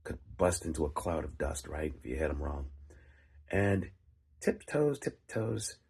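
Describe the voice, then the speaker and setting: A man with a gravelly, phlegmy voice telling a story casually in halting short phrases, like a writer hosting his own vlog. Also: rumbling low, a little mellow. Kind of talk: casual rambling storytelling monologue.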